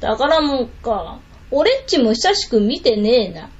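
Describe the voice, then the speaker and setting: Storybook ogre boss, rough and coarse, lively delivery, put on by a woman narrator; lo-fi recording. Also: on the high side, slow pace. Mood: boastful. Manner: rough, coarse street talk. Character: gruff bossy male ogre chief.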